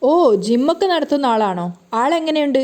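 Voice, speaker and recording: A woman voicing a clever young woman who plays a prank with quick, mischievous talk. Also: sits high, animated, darkish tone.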